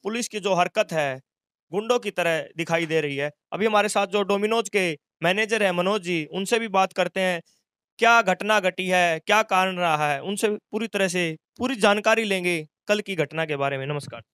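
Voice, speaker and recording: A man's voice: high voice, normal speed, a bit bright, clean tone, no echo, clean studio sound. A man reporting local news, asking short, pointed questions in an interview.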